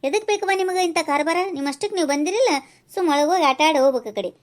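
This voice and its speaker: A brash, quick-tempered village woman from a cartoon, as a woman puts her on, with a North Karnataka accent. Her voice sits high and she fires off words at a fast clip, combative and scolding. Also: lively intonation. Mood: indignant. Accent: North Karnataka Kannada. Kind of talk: cartoon voice acting.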